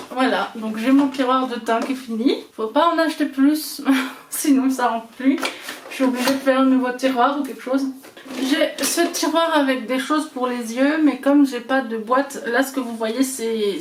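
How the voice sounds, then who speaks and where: A woman with an Alsatian accent talks casually through her makeup as a vlogger, her voice high. She pauses often on fillers. Her voice sounds roomy and a little distant, with clear background noise. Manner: chatty, hesitant with many fillers. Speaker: beauty vlogger. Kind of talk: casual chat showing makeup. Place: small room at home. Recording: roomy echo, away from the mic, noisy.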